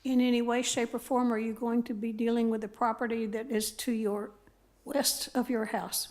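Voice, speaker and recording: A woman's voice: fairly high pitch, flat delivery, moderate pace, a little mellow. A woman chairing a city board meeting, direct and questioning. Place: council chambers.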